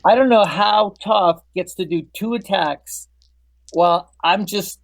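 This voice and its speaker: A man's voice: high voice, unhurried, creaky. A man playing in a tabletop game, swearing casually and complaining in jest. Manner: swearing, jokingly aggrieved. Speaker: player.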